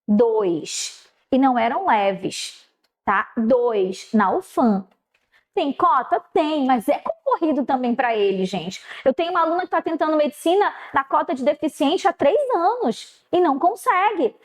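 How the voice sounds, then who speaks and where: A middle-aged woman teacher, telling a classroom story casually and acting out the dialogue with lively jumps in pitch.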